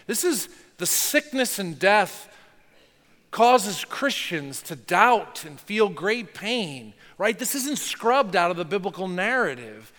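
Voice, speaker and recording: A man's voice: sits high, very animated, slow, a bit bright, long reverb tail. A man preaching a sermon as pastor, talking earnestly and conversationally, with rhetorical questions to the congregation.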